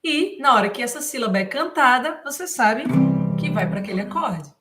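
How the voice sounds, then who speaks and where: Higher-voiced woman teaching guitar mantras. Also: lively intonation, normal speed, sharp tone. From Brazil. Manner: sings mantra lines then explains chord changes, patient, many fillers. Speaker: music teacher. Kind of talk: live guitar lesson, singing and explaining. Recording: faint guitar playing behind the voice.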